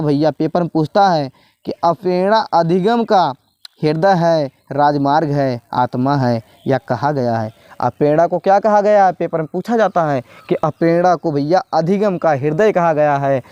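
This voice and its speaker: A man's voice: a little high, darkish tone, no room sound. A male teacher gives a spoken exam-prep lesson, repeating points and asking and answering his own questions. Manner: repetitive, asks and answers own questions, says "bhaiya".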